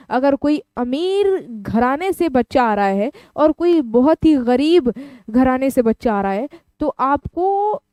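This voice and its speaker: A woman teaches an exam-prep lesson, explaining each term and restating it in simpler words. Her voice sits a little high yet sounds mellow and smooth. The recording is close and dry. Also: no echo. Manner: explanatory, repeats terms in several languages.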